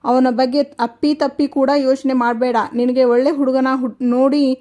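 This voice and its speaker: A stern middle-aged father who once served in the police, firm with outsiders and gentle with his own child, as a woman narrator reads him. The voice sits high, and the lines come in a plain storytelling read from a retold serial. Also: flat delivery, fairly quick. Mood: tender.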